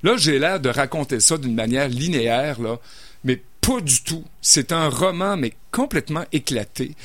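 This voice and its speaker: A man's voice: medium pitch, lively intonation, moderate pace, no room sound. A man reviewing novels in casual radio chat, hesitant, with many fillers and restarts. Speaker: book reviewer.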